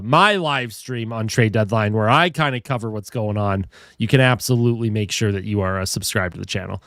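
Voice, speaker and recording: A young man with a head cold chats casually on a hockey live stream, greeting viewers and reading their comments; his stuffed-up, mid-range voice is a bit bright. He sounds a little tired, and the studio sound is clean with no echo.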